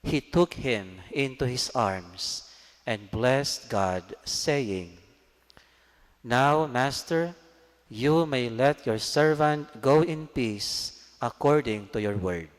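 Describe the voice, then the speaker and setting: A man reading scripture as a priest at Mass, solemn, measured and formal, with cathedral echo around his voice. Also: mid-range voice, lively intonation. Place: large church, amplified. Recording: cathedral echo, long church reverb.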